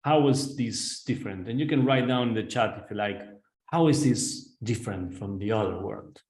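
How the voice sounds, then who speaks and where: This executive coach, a man from Argentina with an Argentine Spanish accent, speaks at a moderate pace in a fairly low, slightly mellow voice during a video-call webinar. He addresses listeners directly and earnestly, often adding "right?". The sound is poor and echoey.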